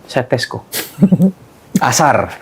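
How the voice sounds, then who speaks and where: A man in his thirties from Surabaya, telling his story as a guest in a casual, animated way. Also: mid-range voice, drawn-out words, breathy edge. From Surabaya, Indonesia. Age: 30s. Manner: animated, jumps into voices of people in his story.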